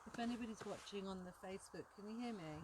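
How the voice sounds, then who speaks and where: A woman's voice: mid-range voice, quick pace, a little mellow. Woman on a live ghost hunt outside, chatty and wry, pretty noisy recording. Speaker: paranormal livestream co-host. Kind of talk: casual live chat to viewers. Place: outdoors in woods at night. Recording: noisy handheld live stream outdoors.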